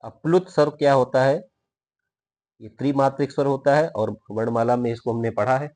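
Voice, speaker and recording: A man's voice: mid-range voice, fairly even intonation, brisk, darkish tone. A man teaching grammar in a recorded video lesson, explaining step by step, posing questions and answering them himself, and drawing out example words to show how they are pronounced.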